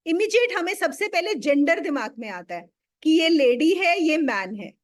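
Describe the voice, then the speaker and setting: Woman, high voice, spiritual teacher, casual scripture talk, explains with stories. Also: big pitch swings, moderate pace. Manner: explanatory, storytelling, mixes in English words. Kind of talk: conversational scripture discourse.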